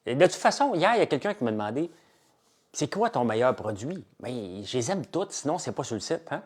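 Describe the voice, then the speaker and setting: A man's voice: mid-range voice, a little fast, breathy edge. Chatty Québécois man selling waffles. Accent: Québécois French. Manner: chatty, enthusiastic salesman, lively and animated. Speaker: entrepreneur hosting a live chat. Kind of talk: casual live-stream chat with viewers.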